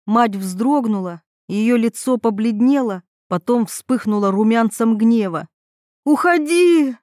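A woman narrating a story in a measured, even manner. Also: a little high, dry recording, clean studio sound.

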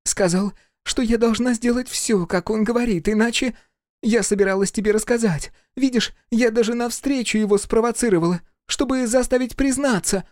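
A man voicing a scheming young noblewoman in an audiobook, in a raised, pleading, shrill voice. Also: moderate pace, a little mellow, no room sound, studio quality. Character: scheming, desperate young noblewoman, a prince's wife.

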